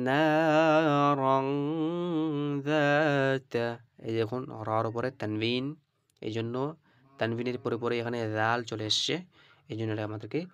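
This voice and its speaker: A man's voice: medium pitch, fairly bright tone, smooth, no echo, lo-fi sound. A man teaching Quran reading, spelling out syllables one by one and drawing out the recited words, often checking with "right?". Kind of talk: slow spelled-out recitation lesson.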